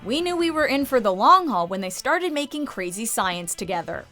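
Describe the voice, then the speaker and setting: Animated female countdown narrator, higher-pitched voice. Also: normal speed, over music. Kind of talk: scripted narration.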